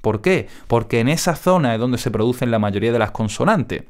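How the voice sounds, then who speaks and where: A man gives a casual spoken tutorial on audio mixing, his diction crisp and careful as he frequently checks in with the listener. His medium-pitched voice is expressive and brisk.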